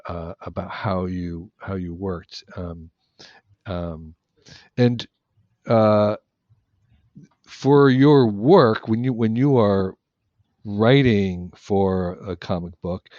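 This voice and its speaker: A man's voice: sits low, a little mellow, dry recording. A man hosting a casual interview podcast, asking questions hesitantly with many fillers and restarts. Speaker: podcast host. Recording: dry, dull lo-fi sound.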